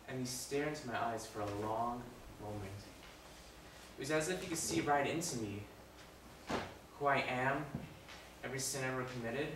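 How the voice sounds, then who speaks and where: In a live first-person dramatic monologue, a man with a mid-range voice plays the rough-living, remorseful robber crucified beside Jesus, lightly acted. He's impassioned, shifting between hushed confession and forceful raised speech. The mic is distant in a very echoey room, with faint noise.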